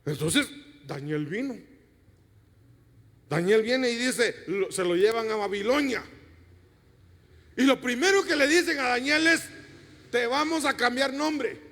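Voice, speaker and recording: A pastor delivering an emphatic sermon, addressing the congregation directly and asking them rhetorical questions. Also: male voice, very high-pitched, expressive, a little slow, pauses often, a bit bright. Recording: long reverb of a church hall.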